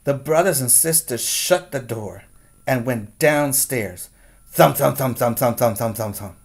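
A preschool teacher with a mid-range voice reads a story aloud to preschoolers, slow, deliberate and expressive, checking in with his listeners along the way. He's in a small, plain indoor room, recorded on a webcam at arm's length.

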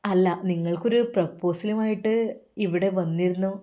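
A woman's voice: lowish voice, steady tone, moderate pace, warm tone, natural voice. A woman doing an earnest young son. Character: dutiful young man, busy businessman son.

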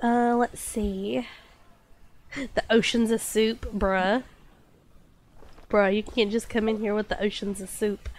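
Her voice is mid-range and darkish, with a flat delivery, a slow pace and long pauses. The young woman is streaming and chatting casually with viewers, bubbly and apologetic despite a stuffy nose and a lingering cough, and she uses many filler words.

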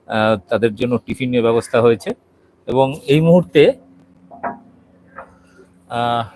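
A man's voice: medium pitch, darkish tone, a little hiss or hum, low-quality recording. A middle-aged man doing a walking video report, hesitant and full of fillers, showing viewers around a small restaurant. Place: outside and inside a small restaurant.

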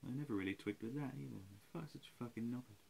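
This is a tired man in his forties rambling through a home webcam vlog in a small room, mic close, swearing and being self-deprecating. His medium-pitched voice is gravelly and dark, with a breathy edge, and he talks at a quick pace.

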